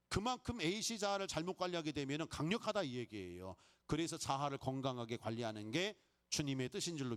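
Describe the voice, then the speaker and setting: A middle-aged male pastor giving a lively sermon, acting out inner voices and Bible characters and leading the congregation in call-and-response. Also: high-pitched.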